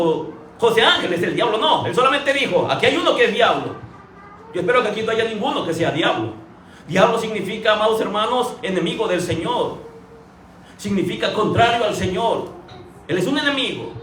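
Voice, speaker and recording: A man's voice: high-pitched, a bit bright, slight background noise. A man preaching a sermon with emphatic repetition and rhetorical questions. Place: church. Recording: echoey church from far off, faint ambience.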